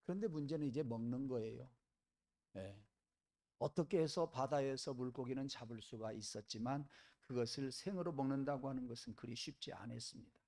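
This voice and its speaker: A man preaching a sermon, telling a story vividly, with dramatic rises in pitch and loudness. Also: fairly quick. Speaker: pastor. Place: church.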